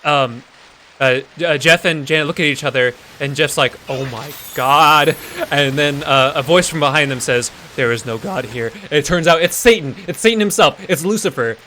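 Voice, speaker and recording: A man's voice: a little high, a little fast, sharp tone, a little hiss or hum. A man improvising a goofy story while streaming a game, rambling with lots of restarts and fillers.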